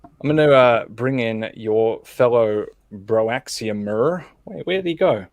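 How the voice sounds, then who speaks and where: A man's voice: mid-range voice, takes it slowly, no echo, narrow, tinny audio. A man hosting an online table read over a video call, chatty and easygoing and laughing often. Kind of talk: casual video-call chat.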